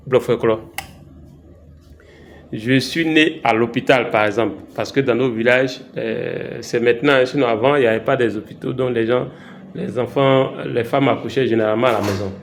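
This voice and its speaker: A man from Côte d'Ivoire with an Ivorian French accent gives a casual language lesson for his vlog while travelling. His medium-pitched voice stays steady as he speaks slowly, repeating words for learners and hesitating often. The echoey room adds a faint background hiss.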